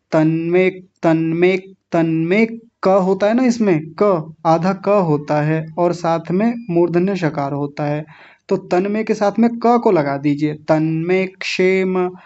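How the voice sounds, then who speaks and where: Teacher correcting students' Sanskrit recitation: very slow, deliberate modelling of sounds, muffled low-fidelity recording. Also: darkish tone. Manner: slow, drawn-out syllable-by-syllable pronunciation, then quick explanations. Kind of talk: online recitation class, correcting pronunciation. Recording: dull lo-fi audio.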